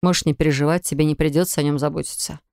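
A woman reading the lines of a calm, decisive husband in an audiobook, matter-of-fact. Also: sits low, rapid-fire, creaky, dry recording, studio quality. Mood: firm. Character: cool, decisive husband, grown man. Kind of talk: audiobook character voice.

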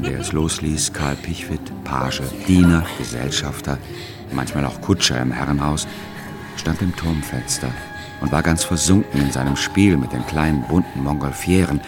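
Over music, a man with a bass voice narrates a German radio play as a solemn, measured literary storyteller, quietly enchanted by what he observes.

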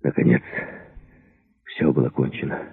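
A man narrating an action audiobook in a steady, measured storytelling manner. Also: extremely low pitch, gravelly, slightly rough, dry recording, narrow, tinny audio. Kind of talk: scripted narration.

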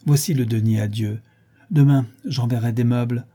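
A man voicing a reserved gentleman tenant who speaks politely and evenly. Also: mid-range voice, fairly even intonation, slightly rough, close to an everyday voice. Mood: courteous. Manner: polite and measured.

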